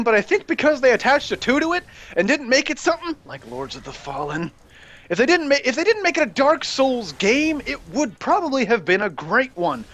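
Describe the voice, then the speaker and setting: Excitable high-voiced young man ranting. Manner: excitable, rambling, bursts into shouting. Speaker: gaming channel host ranting. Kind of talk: gaming rant while playing.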